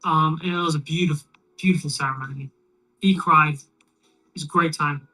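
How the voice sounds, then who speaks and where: A speaker alone in a room, telling a long shaggy-dog joke in a rambling, deadpan way with plenty of fillers. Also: medium pitch, moderate pace, distant mic, poor audio. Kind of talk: shaggy-dog joke told while painting miniatures.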